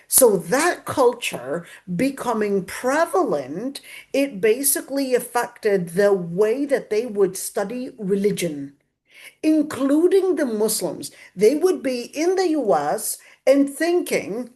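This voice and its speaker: A female voice on the high side, teaching a religious class. She lectures in an emphatic, didactic way and comes back to key phrases, restating them for weight. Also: a little mellow. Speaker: religious teacher giving a Quran exegesis class.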